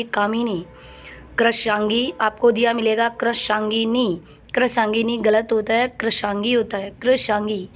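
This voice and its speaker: A woman's voice: fairly high pitch, a little hiss or hum. A woman teaching a Hindi spelling lesson for exam preparation, repeating each word and telling students to memorize it. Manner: drills words by repeating them, urging students to memorize.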